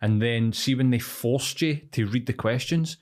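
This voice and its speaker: A man with a Glasgow street accent and an average-pitched voice. He hosts a podcast in a casual way, slangy and full of questions. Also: moderate pace. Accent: Glasgow Scottish, street. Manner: slangy, inquisitive. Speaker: podcast host. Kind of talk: casual interview chat.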